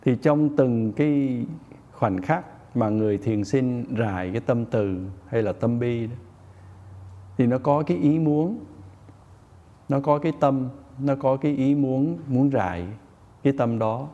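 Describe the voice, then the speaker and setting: Man, meditation teacher, dharma talk, measured delivery, Pali terms. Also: medium pitch, mellow, lo-fi sound. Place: meditation center.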